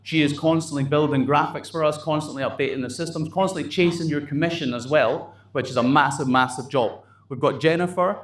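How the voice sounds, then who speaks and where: In an indoor office meeting room, a man runs a company staff meeting, bluntly motivating his team and swearing casually. His voice sits on the high side and moves fairly quickly with few pauses, recorded with a roomy echo and faint background noise.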